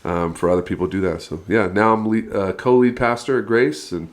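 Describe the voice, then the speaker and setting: A man's voice: lowish voice, brisk. A man in his thirties from California, a pastor talking casually and energetically on a podcast, laughing often. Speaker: guest pastor.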